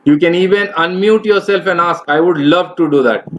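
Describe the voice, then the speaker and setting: A man leads a webinar as a corporate trainer, speaking in a fairly high voice. He gives direct, step-by-step advice and calls his listeners guys. The sound is dull and lo-fi, picked up by a computer mic on a video call. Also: moderate pace, background noise. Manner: instructive and direct, addressing the audience as guys. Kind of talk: webinar lecture.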